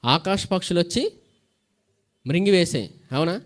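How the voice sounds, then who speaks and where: A man's voice: high voice, animated, moderate pace. A pastor preaching a sermon. He asks questions and answers them himself, and reads scripture aloud between plain explanations.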